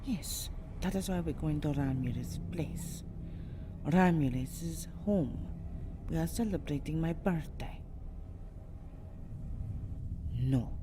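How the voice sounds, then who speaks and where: An actress voices a nervous, lovesick vampire servant girl, an anxious six-hundred-year-old devoted to her mistress. Her low-register ASMR roleplay is flustered, stammering and pleading, with clear ambient noise audible in the background.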